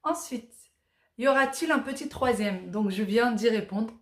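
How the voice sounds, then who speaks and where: A woman's voice: on the high side, animated, normal speed, roomy sound. A Moroccan-born woman in her thirties, chatting casually as she reads out viewer questions and answers them with plenty of fillers. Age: 30s. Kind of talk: casual Q&A vlog.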